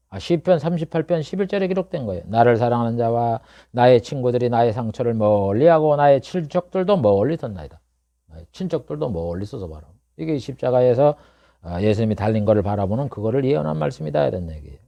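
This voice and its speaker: A middle-aged pastor delivers an expository sermon in a conversational way, full of rhetorical questions. His delivery swings from low murmurs to loud, emphatic bursts, with vocal fry running through it.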